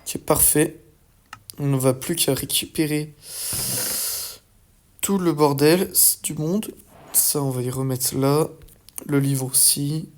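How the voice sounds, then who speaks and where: A young man giving casual let's-play commentary, excitable and swearing often as he talks to his viewers. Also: on the high side, takes it slowly, pauses often. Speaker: gaming YouTuber.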